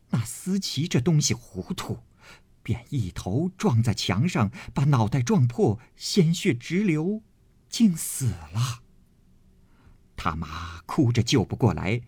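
A man narrating a classic novel in an expressive storytelling voice, swinging his pitch for drama. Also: slow pace, husky, no room sound.

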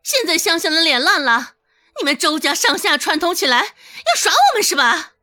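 A woman's voice: extremely high pitch, sing-song, normal speed, sharp tone, soft background music, pitched above the performer's own voice, heavily acted. A woman voicing a furious middle-aged village aunt who shrieks accusations and tearful threats in an audiobook drama. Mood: indignant.

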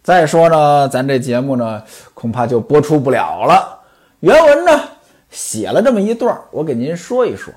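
A man telling a story in the traditional storyteller's manner. His voice sits high and leaps up and down with lively expression. He keeps turning to the listener with chatty, knowing asides. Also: moderate pace. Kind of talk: traditional Chinese storytelling narration.

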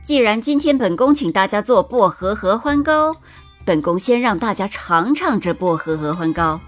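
A woman's voice: medium pitch, expressive, moderate pace, faint music behind, pitched above the performer's own voice, close to an everyday voice. A woman voicing a scheming, pregnant young imperial noble consort who speaks with sweet, condescending politeness in an audiobook. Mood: mocking. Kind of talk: audiobook character voice.

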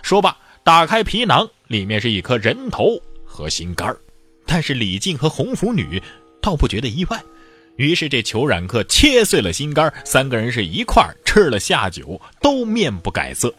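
A man telling an old tale in a lively, colloquial way, with playful asides. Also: medium pitch, moderate pace, slightly rough, soft background music. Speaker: storyteller. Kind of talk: animated oral storytelling.

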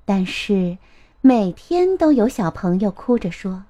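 A woman narrating a children's storybook in a gentle, expressive way. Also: medium pitch, slow pace.

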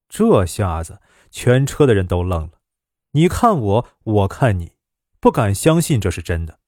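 Male narrator for a scripted story: expressive, animated pitch, dry close sound. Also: no echo.

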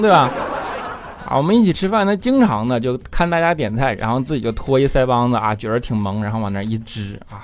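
A man hosting his own comedy talk show, teasing and chuckling as he talks. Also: medium pitch. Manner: joking, teasing, chuckles often.

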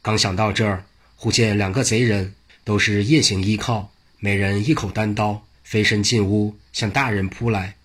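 A male storyteller with a low, husky voice tells a traditional tale. He keeps a measured, classical delivery and turns to his listeners now and then. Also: fairly even intonation.

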